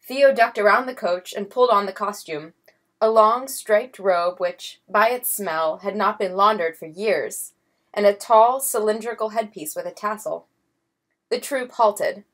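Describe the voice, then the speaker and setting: A woman narrating a storybook chapter in a measured reading voice. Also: mid-range voice. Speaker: audiobook narrator. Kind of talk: scripted narration.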